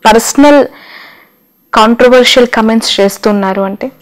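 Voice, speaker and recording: A man's voice: very high voice, moderate pace, rough recording. A man with a Telugu accent, interviewing a guest in short questions and brief acknowledgements.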